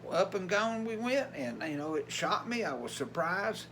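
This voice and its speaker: A man's voice: high-pitched, expressive, moderate pace, a bit bright, a little hiss or hum. An older man with an Appalachian Tennessee accent, talking casually and plainly to his vlog viewers in a folksy way. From Tennessee, USA. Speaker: vlogger.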